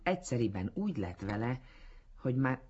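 A man reading a literary story aloud in a measured storytelling manner, on a dull lo-fi recording. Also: medium pitch, sing-song, darkish tone, slightly rough. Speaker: narrator. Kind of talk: literary audiobook narration.

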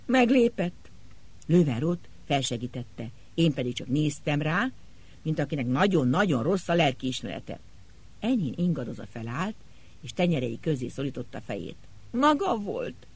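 A man reads an audiobook with dramatic flair, his voice somewhat high and husky. His intonation moves lively up and down through the story. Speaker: narrator. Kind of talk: audiobook narration.

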